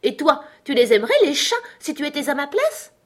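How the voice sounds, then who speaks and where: Lady doing a tiny angry mouse, piercing and indignant, high and loud. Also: moderate pace, husky. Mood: furious. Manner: indignant, scolding. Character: furious shrill cat-hating mouse.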